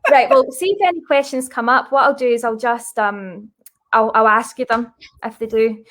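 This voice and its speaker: A woman's voice: fairly high pitch, fairly even intonation, moderate pace, a bit bright. A Scottish woman hosting an interview, bubbly and chatty over a video call. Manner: bubbly, chatty, self-deprecating. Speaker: host. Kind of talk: casual interview chat.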